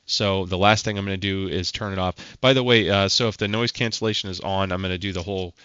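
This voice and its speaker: A man's voice: low voice, fairly even intonation, fast talker, pushed and bright. A man demonstrating a gaming headset microphone with AI noise cancellation on, explaining plainly and technically. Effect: headset mic with AI noise cancellation artifacts. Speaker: tech reviewer. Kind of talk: casual product demo. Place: desk at home. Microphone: wireless gaming headset boom mic. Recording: dull, dry headset mic.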